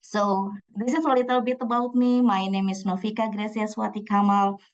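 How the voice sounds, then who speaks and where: A young Indonesian woman, a PhD student whose first language is Javanese, gives a conference talk in a conference room with an Indonesian accent. Her medium-pitched voice is level in tone at a normal speed, the recording sounds muffled, and she uses frequent fillers and restarts.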